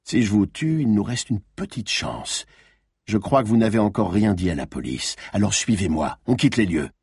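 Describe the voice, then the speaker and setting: A man's voice: lowish voice, animated, normal speed, darkish tone, husky, dry recording, clean studio sound. A man reading the lines of a cold, threatening male killer in an audiobook. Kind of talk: audiobook narration.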